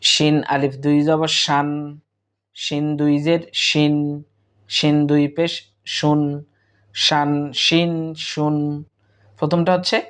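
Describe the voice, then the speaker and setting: A man's voice: fairly high pitch, flat delivery, slow, long pauses, fairly bright tone, clear, resonant tone. A man teaching Quran reading, patiently drilling each sound in repeated patterns. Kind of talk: slow spelled-out recitation lesson.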